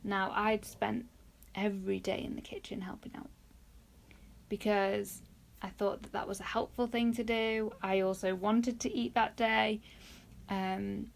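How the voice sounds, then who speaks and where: A woman hosting a reflective solo podcast, speaking softly and musingly, often dropping into a near whisper. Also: medium pitch, fairly even intonation, unhurried, creaky, a little hiss or hum. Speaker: podcast host.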